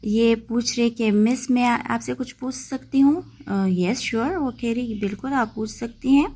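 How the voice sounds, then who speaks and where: A woman teaching a textbook lesson, reading English lines slowly and then explaining them patiently. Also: on the high side, mellow. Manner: patient, checks in with "okay" often.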